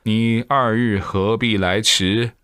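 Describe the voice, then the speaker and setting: A man voicing a stern, aloof old male immortal sage, declaiming slowly in a drawn-out, old-fashioned way. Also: on the low side, steady tone, fairly bright tone, clean tone, dry recording, studio quality. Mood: solemn. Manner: slow, drawn-out classical declaiming.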